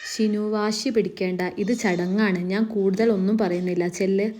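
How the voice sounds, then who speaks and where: A gentle, caring mother in a spoken love story, read by a woman in her own voice. She talks softly and reassuringly, on an even, level pitch. Her tone is mellow and warm. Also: moderate pace, close to an everyday voice. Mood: firm. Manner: soft, reassuring.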